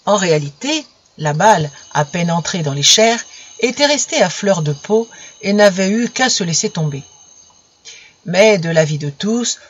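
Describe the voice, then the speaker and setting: Audiobook reader, woman, steady narration with a few slips, dull recording. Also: medium pitch, husky. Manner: steady storytelling with small slips.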